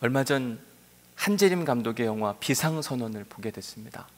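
A male pastor preaching a sermon in a church sanctuary, telling the story in an animated way and acting out biblical dialogue. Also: mid-range voice, a little fast. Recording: long reverb of a large church hall.

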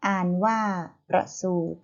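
A woman's voice: a little slow, dull audio. A woman teacher leading a vocabulary reading drill, saying each word carefully, syllable by syllable, after the same spoken cue.

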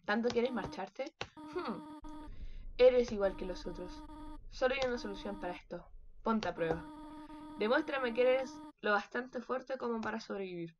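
A woman voicing a gentle but stern motherly goat woman, reading the game's lines in a soft, measured way, with faint game music behind. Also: fairly high pitch, animated, highs cut off, crowd noise, lightly acted. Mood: grave.

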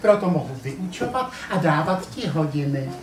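A man's voice: fairly high pitch, animated, crowd noise, lightly acted. Guy putting on a smug bossy farm cat, puppet show, far-off echoey room with kids. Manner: bossy, know-it-all, teasing. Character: conceited floppy-eared female farm cat. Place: family centre playroom, live puppet show.

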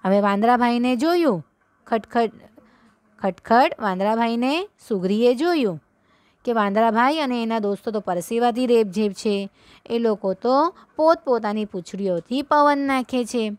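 Slow, patient woman teacher reading aloud. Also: on the high side, expressive, dry recording. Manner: reads slowly, repeats lines, quizzes the children. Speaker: primary school teacher. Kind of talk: slow read-along story lesson for children.

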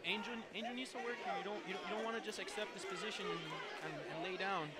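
A man's voice: high-pitched, racing. A man doing conversational live fight commentary, often repeating phrases as he builds a point. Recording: loud music and crowd noise behind. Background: loud music and crowd.

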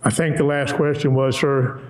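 A man's voice: medium pitch, little pitch movement, moderate pace, roomy sound, slight background noise. A man questioning a witness in court, formal and polite, calling him sir, heard in a courtroom recording. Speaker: defense attorney questioning a witness.

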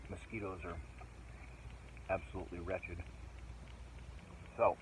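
This solo camping vlog features a middle-aged man with a low, steady voice who takes his time. Out on a wooded island, he chats and thinks aloud with wandering asides. His phone camera, either held for selfies or placed close by, picks up noisy outdoor audio full of birds and ambient sound.

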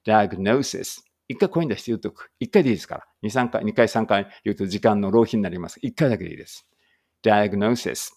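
A man with an Ibaraki Japanese accent, an English teacher who reads English slowly word by word and then explains quickly in Japanese. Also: fairly low pitch, a little mellow. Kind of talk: slow English read-aloud lesson with Japanese explanation.

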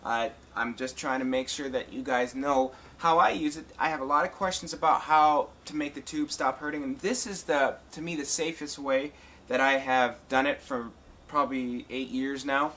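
Bright and forceful, yet fairly even in intonation, a medium-pitched male voice moves at a moderate pace. He's a musician hosting a talk box tutorial, explaining a hands-on process informally and addressing viewers as guys and folks.

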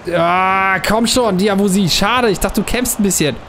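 A young man giving casual commentary while he plays a football video game, muttering at times and bursting out loudly at plays. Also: sits high, normal speed, a little hiss or hum. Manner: excitable, swings from muttering to loud outbursts at plays. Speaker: gaming channel host.

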